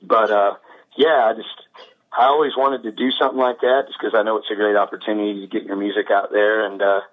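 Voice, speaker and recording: Low-ish guy on a phone line, laid back, lots of uh and um. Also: quick pace. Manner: relaxed, rambling with many fillers. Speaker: guest musician. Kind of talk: casual interview.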